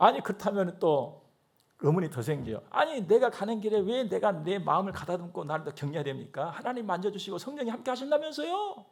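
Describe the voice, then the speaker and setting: Husky, animated male pastor preaching. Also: high voice, fairly quick. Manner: animated, acts out dialogue, drops to whispers. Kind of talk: sermon. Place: church sanctuary.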